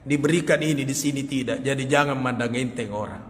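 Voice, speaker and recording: In a reverberant hall with faint ambience and slight background noise, a male preacher with a mid-range voice tells a sermon story fairly quickly. He's animated, acting out the quoted dialogue with laughter.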